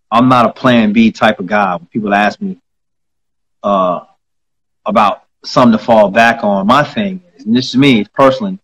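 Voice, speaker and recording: A man hosting a casual interview chat on a video call, talking in a reflective way with drawn-out phrases and many fillers. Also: medium pitch, fairly bright tone, low-quality recording. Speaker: host.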